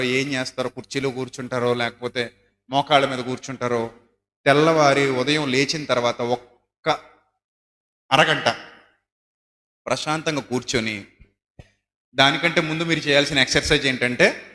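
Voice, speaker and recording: Male pastor, bright forceful tone, long hall reverb, emphatic sermon style. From South India. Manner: emphatic, swinging from loud high exhortation to low soft asides. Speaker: preacher. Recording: echoey hall.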